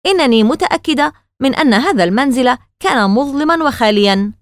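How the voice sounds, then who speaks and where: A woman voicing a spirited twelve-year-old girl who asks sharp, indignant questions in a storybook reading. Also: high voice, animated, fast, dry recording, studio quality, pitched above the performer's own voice.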